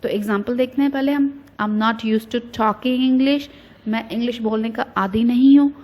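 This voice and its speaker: A woman teaching an English grammar lesson. She reads each English example sentence slowly and deliberately, then explains it. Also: on the high side, steady tone, darkish tone.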